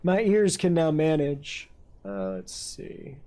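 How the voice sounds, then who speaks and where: A man's voice: on the high side, big pitch swings, takes it slowly, mellow. Man, game streamer, casual rambling chatter, swears a lot, jokey, desk mic at home. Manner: profane, joking, rambling.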